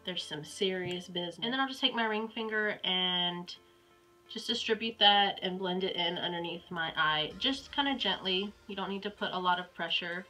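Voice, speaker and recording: Congested from a cold, a young Southern US woman talks her way through a makeup tutorial at home in a casual beauty-vlog style, saying "um" and "like" often. Her lowish voice has a sharp tone and moderate pace, and soft background music plays over poor-quality audio.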